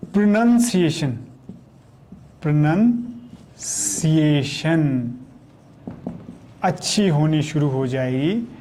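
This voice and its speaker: A man gives a spoken lesson on communication skills at an unhurried pace. His voice sits a little high yet stays dark and mellow. He drags out and repeats key terms, mixing English words into his explanations. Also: a little hiss or hum. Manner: slow, deliberate teaching delivery, drawing out and repeating key words; asks questions and then answers them himself. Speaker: teacher.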